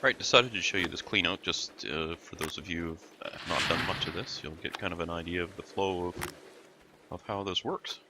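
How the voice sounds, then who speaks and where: A man with a gravelly early-morning voice gives casual commentary over a game he is playing, rambling and muttering to himself as he goes. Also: deep voice, normal speed, noisy background. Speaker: let's play host.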